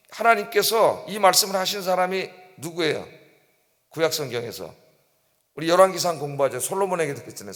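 A middle-aged male pastor preaching an emphatic dawn-service sermon, often prompting the congregation and crying out quoted pleas. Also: on the high side. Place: church sanctuary. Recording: long church reverb.

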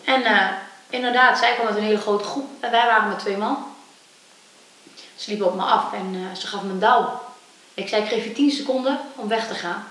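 A young adult woman, a kickboxer, tells her personal story in an interview and acts out the voices she quotes with lively energy. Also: medium pitch, moderate pace, far from the mic. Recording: echoey room, voice from off-mic, faint hiss.

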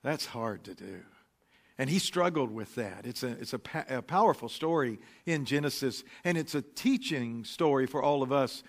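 A man preaching a relaxed, anecdotal sermon into a pulpit microphone, pausing often with fillers. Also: medium pitch. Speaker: pastor. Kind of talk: conversational sermon. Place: church sanctuary.

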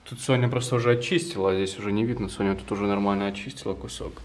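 A man's voice: on the low side, fairly even intonation, very fast. A man in his twenties chatting casually to the camera as a vlogger in an apartment room. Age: 20s. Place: small apartment room, indoors. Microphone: camera at arm's length. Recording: noisy handheld camera audio, room ambience.

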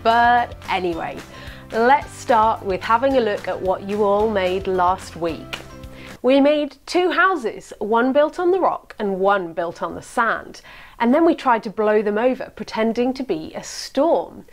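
Lively young woman leading children's church. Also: a little high, unhurried, soft background music. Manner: bright, lively, talks to children at home. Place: indoors, plain wall.

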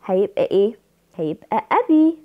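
A woman's voice: mid-range voice, sing-song, muffled recording. Egyptian woman teaching young children. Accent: Egyptian Arabic. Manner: drawn-out repetition of words for children, asks and answers her own questions. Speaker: primary school Arabic teacher. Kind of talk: online lesson for young children.

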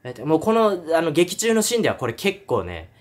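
A man's voice: fairly high pitch, fairly quick. A man retelling a horror film in a casual review monologue, acting out scenes with sound effects and voices. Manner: animated storytelling with sound effects and acted voices.

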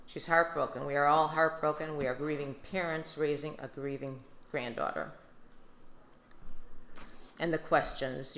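An older woman with a Midwestern American accent, giving a steady, subdued prepared speech at a podium into a handheld mic. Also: sits low, gravelly. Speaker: grieving mother giving a speech. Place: large banquet hall. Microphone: handheld microphone. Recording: echoey banquet hall.

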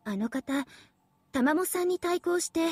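In Japanese anime game voice acting, a young female AI devil girl speaks in a very high, sweet, girlish voice that's animated but measured in pace, recorded dry in the studio with no room sound. Coy in mood, she's smug and playful, addressing people with mock politeness that talks down to them.

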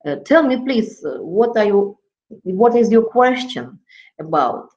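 The guest lecturer, a middle-aged woman with a Russian accent, has a mid-range, darkish voice with a sing-song lilt. Speaking from her office, framed certificates on the wall, she keeps stopping to search for words amid plenty of fillers, and the laptop webcam on the video call renders it in dull lo-fi audio.

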